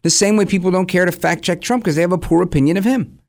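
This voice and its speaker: A man's voice: high voice, quick pace, darkish tone. A man gives opinionated, conversational commentary as a program host, acting out imagined dialogue and posing rhetorical questions. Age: 40s.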